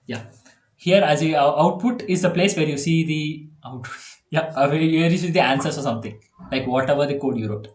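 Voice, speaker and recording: A man's voice: a little high, brisk. Man, Indian English accent, coding tutor, laughs often, echoey room. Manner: chatty, laughs often, repeats okay and yeah. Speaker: programming tutor. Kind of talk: online one-on-one coding lesson.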